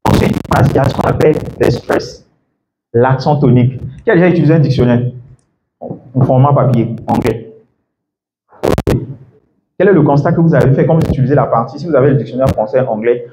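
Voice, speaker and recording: A man teaching English to a class of students, lively and full of questions to the room, laughing often. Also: mid-range voice. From Ivory Coast. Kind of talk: classroom masterclass. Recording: echoey room with faint background noise.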